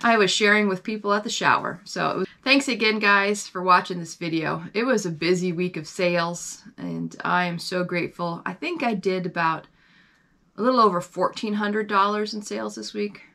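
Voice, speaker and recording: A chatty woman talks casually about her week's sales on her vlog. She rambles with fillers and corrects herself as she goes. Her voice is bright and forward, and her pitch sits in the middle. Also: fairly even intonation, moderate pace, gravelly. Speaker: online reseller and channel host.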